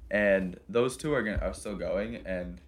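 A man's voice: low voice, normal speed. A young adult man co-hosting a casual podcast in a garage, talking in an informal, bro-ish way. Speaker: podcast co-host.

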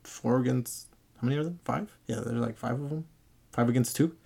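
A man hosting a casual, excited manga chapter review in slangy fan talk, often acting out the characters' lines. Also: medium pitch, brisk, creaky, slightly rough.

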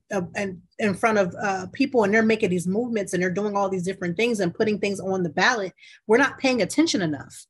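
American female host, mid-pitched voice. Conversational, earnest, leans on repeated phrases for emphasis. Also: husky. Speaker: interview host. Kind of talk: casual conversational interview.

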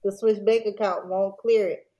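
A woman casually retelling a scam story on a podcast, slangy and digressive, pausing to laugh. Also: medium pitch, steady tone, dark tone, muffled recording. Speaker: podcast host.

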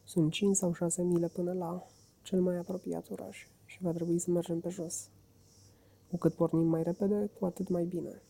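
A woman voicing a stern, practical male water rat who shouts and speaks firmly, in a storybook reading. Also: fairly low pitch, flat delivery, creaky. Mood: grim. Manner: shouting and firm.

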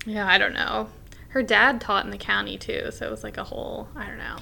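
A woman co-hosting a podcast, a teacher chatting casually, animated and laughing often as she acts out what she said. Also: mid-range voice, a little fast, creaky, slight background noise. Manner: animated, laughs often, acts out her own past remarks. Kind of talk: casual chat.

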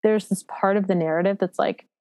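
A woman in her thirties tells her own story candidly, reflective and halting, often using fillers and restarting, with a frank, self-deprecating edge. Her mid-range voice is darkish, her intonation fairly even, and there is no room sound.

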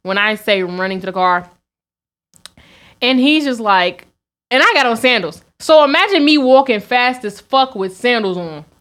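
A young woman, co-hosting a podcast, telling a story in an animated, profane way and laughing often. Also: fairly high pitch, normal speed. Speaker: podcast co-host. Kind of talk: casual storytelling chat.

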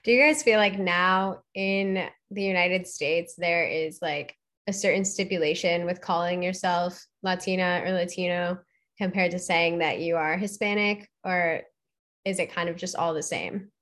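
A woman's voice: fairly low pitch, fairly even intonation, a little slow, a bit bright. A young woman moderating a group interview in a friendly, inviting way.

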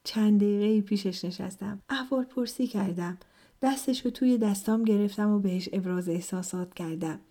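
A woman from Iran, calmly narrating her own memoir in the first person. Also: mid-range voice.

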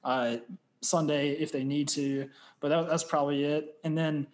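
A man in a casual sports chat, talking quickly and eagerly as he works through game strategy. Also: a little high, little pitch movement.

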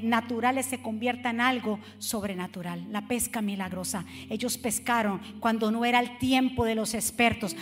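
A high-pitched woman delivers a passionate sermon in a church sanctuary. She shifts from calm teaching to shouted exhortation and acts out the people she describes. Her voice rings through a reverberant hall over faint background music. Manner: fiery, rising to shouts, acting out quoted voices. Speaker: preacher.

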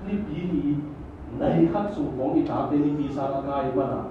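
A man's voice: fairly high pitch, animated, brisk, noisy background. A man preaching a sermon in a church hall, drawing responses from the congregation. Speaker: pastor. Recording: echoey hall, distant mic, dull sound.

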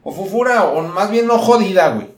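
A man's voice: high-pitched, lively intonation, fairly quick, roomy sound. A man with a northern Mexican accent hosting a podcast, ranting casually in profane slang. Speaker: podcast host. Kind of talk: casual comedic rant.

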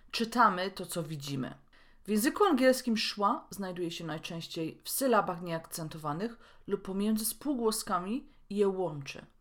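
A woman from Poland hosting a podcast lesson, speaking clearly and deliberately and slowing down to model each word. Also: medium pitch. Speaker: podcast host and English pronunciation teacher.

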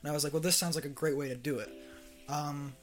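A man's voice: on the high side, fairly even intonation, quick pace, faint music behind. Giggly young man hosting a podcast. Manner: laughs often, rambling with fillers. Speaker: podcast host. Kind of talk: casual chat.

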